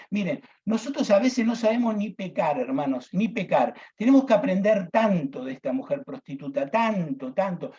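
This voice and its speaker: A deacon teaching a Bible class, emphatic, repeating key phrases and addressing listeners as brothers. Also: male voice, sits high, mellow, lo-fi sound.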